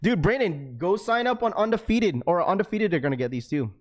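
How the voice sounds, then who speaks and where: Animated and brisk, this high-voiced man is recorded in clean studio sound without room noise. He hosts a livestream from Washington state, US, laid-back as he reads chat and talks with viewers using lots of "bro", "dude" and "like"; he is young adult to middle-aged and the father of a schoolchild daughter.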